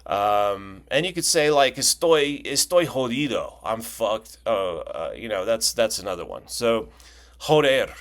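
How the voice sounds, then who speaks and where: A man's voice: on the low side, lively intonation, measured pace, few pauses. A man hosting a casual language lesson video, talking loosely with lots of fillers, restarts and joking asides.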